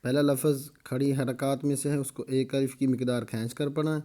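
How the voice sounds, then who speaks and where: Man, very warm dark tone, Quran reading teacher, slow spelled-out syllables, quick rule explanations. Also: medium pitch, flat delivery. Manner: spells each letter and vowel slowly, then gives quick rule explanations. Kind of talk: slow spelling-out recitation lesson.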